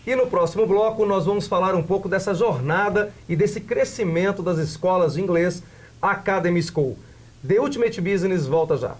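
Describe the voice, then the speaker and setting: A man with a Brazilian Portuguese accent and a somewhat high voice hosts a televised business interview. He tends to ask the same question several ways in a row. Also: moderate pace. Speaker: TV talk show host.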